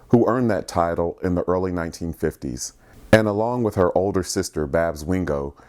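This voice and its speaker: Very deep-voiced man reading his story. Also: a little mellow. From Columbus, Ohio. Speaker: journalist and filmmaker. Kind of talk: scripted personal narration.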